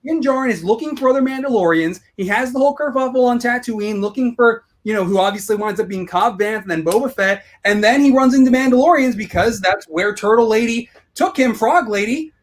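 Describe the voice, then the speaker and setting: Excited, animated young man. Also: very high voice, a little fast, few pauses. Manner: eager, animated, says "bro" and "dude" a lot. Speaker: podcast co-host. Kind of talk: excited casual chat. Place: at home.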